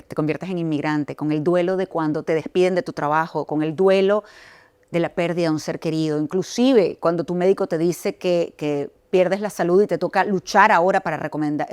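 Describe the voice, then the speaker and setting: A woman's voice: fairly low pitch, a little mellow, no echo. A middle-aged woman from Venezuela, a news anchor and author, telling her personal story as an interview guest in an earnest, reflective way. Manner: earnest, reflective, many restarts and quoted dialogue.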